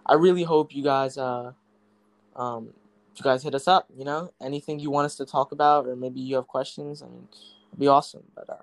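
A man's voice: medium pitch, fairly even intonation, a little fast, no echo. A teenage boy hosting a casual podcast, rambling with many fillers and restarts. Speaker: podcast host.

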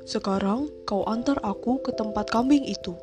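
Storybook crocodile, greedy and commanding, curt delivery, voiced by a woman, over clear music. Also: a little high, moderate pace, lightly acted. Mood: bossy. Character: hungry greedy bossy crocodile.

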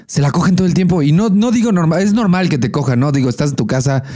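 A man's voice: on the high side, fast. Mexican man telling a crude story. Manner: swears freely, animated storytelling. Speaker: podcast co-host. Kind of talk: casual crude chat.

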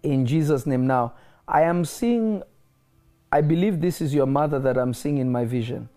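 A man's voice: on the high side, normal speed, warm tone, faint music behind. A man delivering a prophetic word to a caller, declaring blessings and often asking if he is listening. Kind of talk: prophetic ministry over a phone call.

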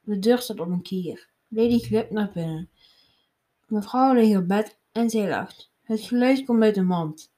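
Woman reading a kids' storybook, unhurried, stumbles now and then. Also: medium pitch, dark tone, echoey room. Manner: slow, with small slips and restarts. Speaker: storybook reader. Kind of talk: reading a children's picture book aloud.

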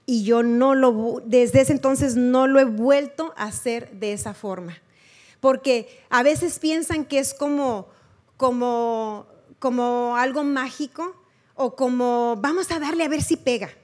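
High-voiced woman preaching. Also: slow, darkish tone. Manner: earnest, conversational, repeats words for emphasis. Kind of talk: testimony sermon.

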